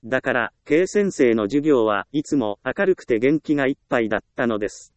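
A man narrating a self-help book in a calm, measured reading voice with even pauses. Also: medium pitch, no room sound. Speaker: audiobook narrator.

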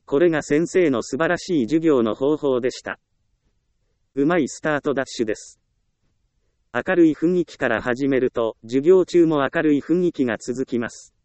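Calm man reading a self-help audiobook. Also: medium pitch, dry recording. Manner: calm, measured reading with even pauses. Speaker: audiobook narrator. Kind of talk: scripted narration of a self-help book.

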